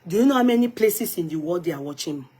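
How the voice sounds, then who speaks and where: A woman's voice: on the low side, animated, fast talker, noisy background. A woman with a Nigerian accent giving emphatic gossip commentary in a vlog, slipping into pidgin and Yoruba phrases. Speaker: vlogger.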